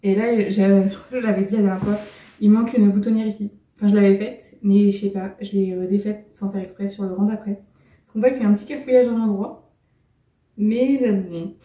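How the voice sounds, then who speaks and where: A woman's voice: mid-range voice, fairly even intonation, fairly quick, warm tone. A woman chatting casually on her knitting vlog at home, showing her finished cardigans in a rambling, light, self-mocking way. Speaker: knitting vlogger. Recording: roomy sound from a distance.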